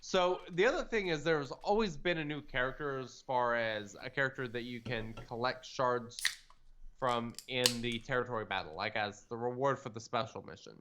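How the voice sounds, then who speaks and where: A man's voice: mid-range voice, normal speed, fairly bright tone, muffled recording, slight background noise. A man co-hosting a podcast, chatting casually and rambling through lots of fillers. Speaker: podcast co-host. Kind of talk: casual chat.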